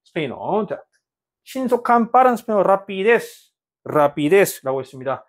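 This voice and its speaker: A high-pitched man with a sing-song delivery teaches an introductory Spanish class in Korean. He says example words slowly more than once and asks the students questions.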